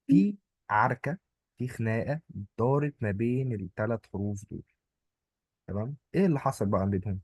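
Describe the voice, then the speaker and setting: Brief: Egyptian-accented male tutor, husky, dry close sound, playful and chatty. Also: fairly low pitch, fast talker, a little mellow, dry recording. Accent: Egyptian Arabic. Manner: playful, explains with little stories and jokes. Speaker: German language teacher. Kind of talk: informal online lesson.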